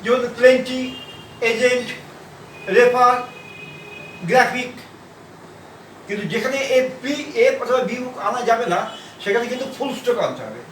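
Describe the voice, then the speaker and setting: A man teaching shorthand in a classroom style, pausing and repeating words as he writes out examples. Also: very high voice, lively intonation, a bit bright, slight background noise. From India. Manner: halting, repeats words while writing. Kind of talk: classroom lesson. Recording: echoey room, mic far off.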